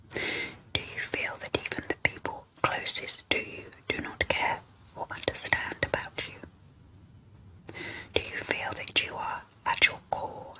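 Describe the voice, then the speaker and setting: Slow whispered role-play, woman's ASMR whisper. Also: poor audio. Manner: soft unvoiced ASMR whisper. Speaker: ASMR video creator.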